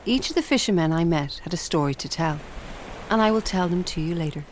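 A woman's voice: fairly low pitch, lively intonation, brisk, a little hiss or hum. A woman presenting scripted documentary narration in an earnest, emphatic manner.

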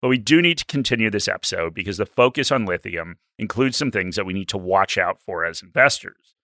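Raspy bright-voiced man. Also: on the low side, expressive, brisk, no room sound. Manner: dry, joking, then explanatory with figures. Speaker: podcast co-host. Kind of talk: casual investing podcast chat.

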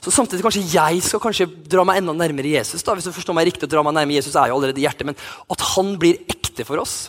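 A man's voice: on the high side, fairly bright tone. A man in his thirties, a youth pastor, telling a personal story in a sermon with many restarts and fillers. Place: church hall.

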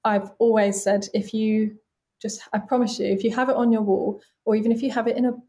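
Speaking as an interview guest, this late-twenties body casting artist keeps things casual, open and sincere, her talk sprinkled with plenty of "like"s. She holds a level, mellow tone at a relaxed pitch typical for her age.

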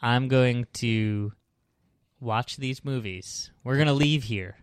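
A man co-hosting a comedy podcast, talking in an earnest, wide-eyed, easily alarmed way. His voice is smooth and resonant. The sound is close and dry, with no room around it. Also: mid-range voice, takes it slowly, dry recording. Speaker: podcast co-host. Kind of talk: casual comedic chat.

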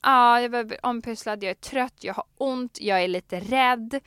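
A young pregnant woman co-hosting a casual podcast, telling stories with animated, acted-out quotes. Her voice is smooth and clear. The sound is dry and close, with no room echo. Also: fairly high pitch. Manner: animated storytelling, laughs often, acts out quotes. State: heavily pregnant. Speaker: podcast co-host. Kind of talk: casual chat.

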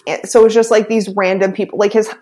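A woman's voice: medium pitch, level tone, fast, mellow. A woman co-hosting a casual chat podcast, giggly and agreeable. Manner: giggly, agreeable, many "yeah"s. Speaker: podcast co-host.

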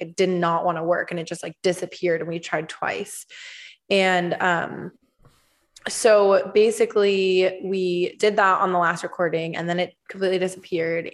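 A woman co-hosting a podcast in casual, candid, informal chat, recorded in a rooftop common area with unusual acoustics. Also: fairly low pitch. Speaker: podcast co-host, wellness coach.

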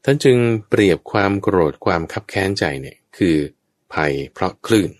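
Male Dharma teacher, low voice with a lively swing, patient explainer who checks understanding, dry close sound. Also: moderate pace, no room sound.

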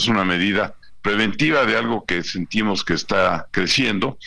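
Gravelly, bright Mexican man on phone. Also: low voice. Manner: friendly, explanatory, with repeated "este" and "¿no?" tags. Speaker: pharmaceutical industry director, phone guest. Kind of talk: radio phone interview. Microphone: phone line.

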